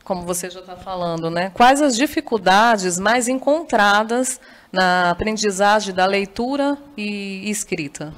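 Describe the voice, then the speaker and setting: A Brazilian woman hosting a TV interview, enthusiastic and quick to chime in with agreement. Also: mid-range voice, expressive. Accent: Brazilian Portuguese. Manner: enthusiastic, frequent affirming interjections. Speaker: TV interview host. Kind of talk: TV studio interview.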